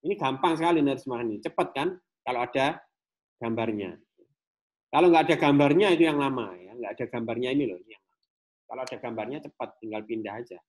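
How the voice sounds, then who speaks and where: A man's voice: mid-range voice, lively intonation, fast, a little mellow. A male programming lecturer with an Indonesian accent, casually explaining code in a live class, repeating himself as he thinks aloud. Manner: repetitive, thinks aloud while demonstrating.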